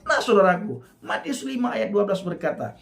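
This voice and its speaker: Middle-aged male evangelist, testimony preaching, slightly high voice, very lively intonation, emphatic. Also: brisk, creaky, slight background noise. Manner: emphatic, addresses listeners often.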